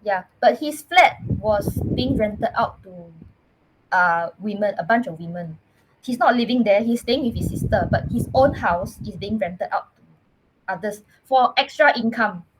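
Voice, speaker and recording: A woman with a Singaporean English accent telling her own story as a podcast guest, earnest and halting, often restarting her words. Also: medium pitch, expressive, a little hiss or hum, low-quality recording. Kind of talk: personal storytelling in casual chat.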